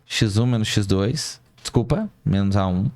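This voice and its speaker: A man's voice: fairly low pitch, measured pace, darkish tone, dry recording. A man teaching mathematics, walking through a calculation step by step, asking himself questions and correcting small slips as he goes. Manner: talks students through each step, asking and answering himself. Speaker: math professor. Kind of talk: lecture at a board.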